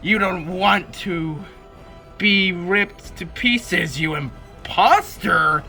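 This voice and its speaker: A man voicing a scheming male pig villain doctor from his childhood comic, speaking slowly and mock-menacingly. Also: high-pitched, sharp tone, faint music behind, exaggerated voice.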